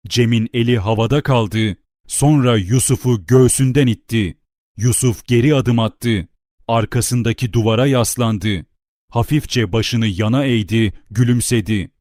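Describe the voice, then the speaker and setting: Steady male audiobook narrator, dry sound. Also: mid-range voice, dry recording. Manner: steady, deliberate storytelling. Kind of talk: scripted novel narration.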